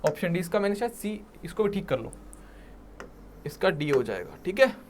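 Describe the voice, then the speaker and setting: A very animated man with a high voice and a Punjabi accent lectures on English vocabulary for exam prep. He mixes Hindi and English, checks in with "ठीक है?" and "right?", and repeats words slowly for emphasis, over slight background noise.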